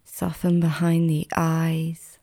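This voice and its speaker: Slow, mellow woman guiding sleepy relaxation. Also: sits low, completely flat delivery. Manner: soothing, gentle, unhurried with long pauses. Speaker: meditation guide. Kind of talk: guided relaxation meditation, like a sleep story narrator.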